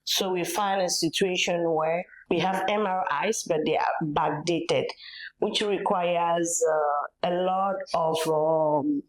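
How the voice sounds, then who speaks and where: A woman from Cameroon with a Cameroonian accent, speaking as an interview guest in a measured, earnest way with pauses and fillers. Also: fairly low pitch, steady tone, low-quality recording. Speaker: medical tourism facilitator, patient's mother.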